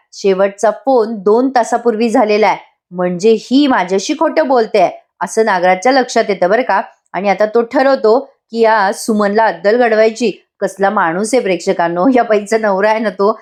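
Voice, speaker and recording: A woman's voice: mid-range voice, a little mellow. A woman giving a chatty voice-over recap of a TV serial episode, speaking straight to her viewers. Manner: chatty, addresses viewers directly. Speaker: TV serial reviewer.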